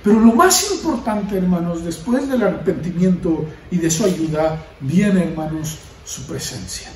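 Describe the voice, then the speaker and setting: A man preaching a sermon as pastor, building to emphatic bursts and letting phrases fall away softly. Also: high voice, animated, unhurried, a little hiss or hum. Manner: preaching with rising emphatic bursts and soft trailing endings. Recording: roomy echo, from a distance, faint ambience.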